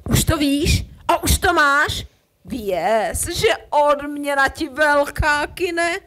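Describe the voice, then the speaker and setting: A woman's voice: high voice, fairly bright tone. A woman playing a lovesick, eager young prince, declaiming poetic verse in a puppet play. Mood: eager, commanding.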